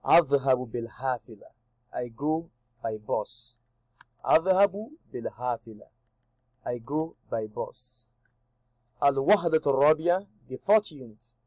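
A man's voice: medium pitch, lively intonation, a little mellow, dry recording. A man teaching a language lesson, reading short dialogue lines and giving each one's English meaning. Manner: reads each line in Arabic then gives the English, slow and deliberate. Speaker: Arabic teacher.

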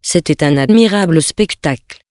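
A man reading a sea story aloud, with steady, even storytelling and lightly voiced dialogue. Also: a little high, moderate pace, dry recording, clean studio sound. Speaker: reader.

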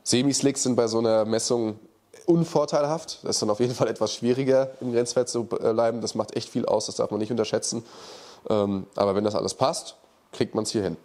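In an indoor workshop office, a man in his thirties sits in an armchair answering viewer questions in casual chat, recorded on a lapel mic. He has a slight cold and a nasal voice, medium-pitched, steady, a little fast and a little mellow, and he speaks bluntly and colloquially, giving frank verdicts.

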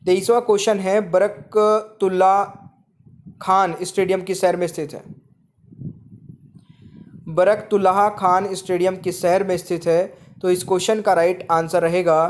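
A man's voice: high-pitched, level tone, unhurried, a little hiss or hum. A man teaching a general-knowledge quiz in a voice-over, reading each question twice and then giving the right answer. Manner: repeats each question, addresses viewers as friends. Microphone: voice-over on screen slides.

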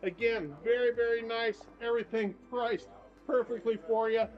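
This older man, a travel vlogger and tour guide, chats cheerfully as he leads a casual walking tour of shops, filming on a handheld camera while walking. His voice is very high-pitched, fairly even in intonation and at a normal speed. He moves through a small town's shops and streets, inside and out, and the audio is slightly dull with faint music behind it.

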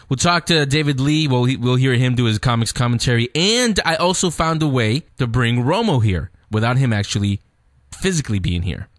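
A man's voice: mid-range voice, no room sound, studio quality. A man hosting a casual radio show, speaking conversationally and straight to his listeners. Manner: conversational, addresses listeners directly. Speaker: show host.

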